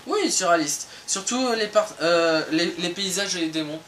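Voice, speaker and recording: A man's voice: high-pitched, lively intonation, normal speed, a bit bright, slight background noise. Playful young man on a distant mic. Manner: playful, slangy, teasing. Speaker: co-host. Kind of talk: casual improvised chat.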